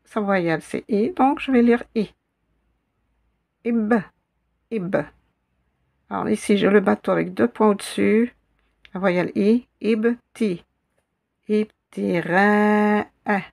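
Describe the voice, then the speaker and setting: Slow, gravelly-voiced woman teaching letters. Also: mid-range voice. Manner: patient, repeats syllables and words slowly for learners. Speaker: Arabic teacher. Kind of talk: slow spelled-out reading lesson.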